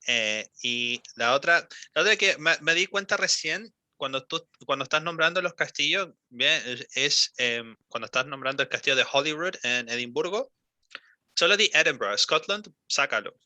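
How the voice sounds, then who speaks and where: A young man coaching a student's English pronunciation over a call. He is patient, models each word slowly and fills gaps with ums and eh. His voice is bright and sharp, recorded dry and close. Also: fairly high pitch, lively intonation, no echo. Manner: patient, repeats and models words slowly, many fillers. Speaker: English teacher.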